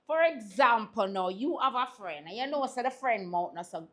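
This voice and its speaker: A Jamaican woman hosting a talk show, her voice sitting a bit high. She chats casually with her co-host and tells animated stories in patois, laughing along the way. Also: normal speed. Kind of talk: casual panel chat.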